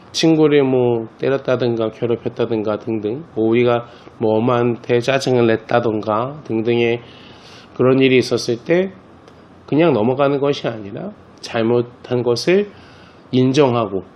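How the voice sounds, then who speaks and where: A man gives a children's catechism class as their priest, easing into a story and speaking straight to the kids. His voice sits at an ordinary pitch for a man. The recording sounds a little dull and lo-fi. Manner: relaxed storytelling, talks directly to the children.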